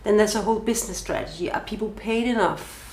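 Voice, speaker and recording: This Danish woman, accented and from Denmark, talks at a quick pace in a medium, slightly mellow voice. Her podcast interview answers are thoughtful, with listed questions and some restarts, captured in a roomy, echoey space with a little hiss or hum.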